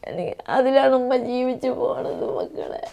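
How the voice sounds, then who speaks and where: A woman's voice: high voice, very animated, normal speed, vocal fry, dull audio. A middle-aged woman, a bereaved mother giving a tearful, pleading interview. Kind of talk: emotional interview testimony.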